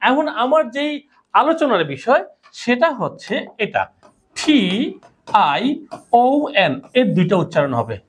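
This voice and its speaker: A woman's voice: a little high, big pitch swings, unhurried, long pauses, slightly rough. A woman teaching pronunciation in class, drilling her students with repeated questions and call-and-response. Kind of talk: classroom lesson.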